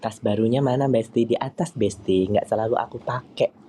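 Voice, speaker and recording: A man chatting casually on a live stream, answering viewer comments in a playful, teasing way with sudden high squeaky outbursts. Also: normal speed, dark tone, slightly rough. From East Java, Indonesia.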